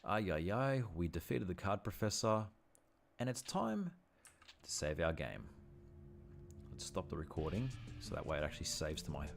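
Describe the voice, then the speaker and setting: Brief: male streamer, deep voice, chatty and self-correcting, faint game music behind. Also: very animated, moderate pace, gravelly, long pauses. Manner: chatty, thinks aloud and corrects himself often. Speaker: livestreamer. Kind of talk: casual gameplay livestream commentary.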